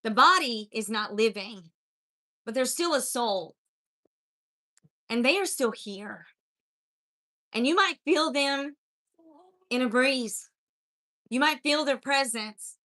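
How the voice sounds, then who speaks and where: A woman's voice: sits high, expressive, takes it slowly, long pauses, pushed and bright. A woman with a mixed accent from growing up in many places, hosting a spiritual coaching livestream, greeting viewers and preaching in an earnest, encouraging way. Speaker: spiritual life coach and live-stream host. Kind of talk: live-stream chat greeting viewers and preaching.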